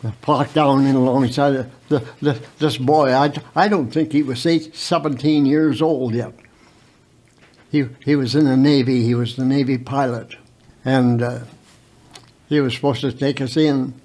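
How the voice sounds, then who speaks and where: A very old man of about a hundred telling his own story unscripted as a veteran guest, haltingly, with repeated words and stammered starts. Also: medium pitch, fairly even intonation, a little mellow. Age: very old, around 100.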